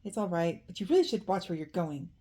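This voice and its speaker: A woman reading a storybook, voicing a cheerful, confident young boy in a higher voice than her narration. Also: lively intonation, quick pace, dark tone. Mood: confident, friendly. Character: earnest young boy, cheerful and sure of himself.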